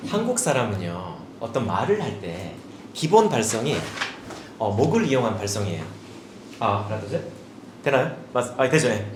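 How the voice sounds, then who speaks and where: A man in his forties, an education director giving a demonstrative seminar talk to parents, now and then switching into a brighter voice as if coaching children. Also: medium pitch. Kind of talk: seminar presentation. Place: seminar hall. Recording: echoey hall with faint room noise.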